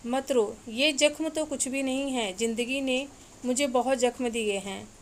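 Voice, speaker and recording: A young woman heroine in a spoken story, weary yet hopeful, as a woman narrator puts her on. She talks in a steady, reassuring way, her voice sitting a little high. A faint hum of ambience lies under it. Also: unhurried. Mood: resolute.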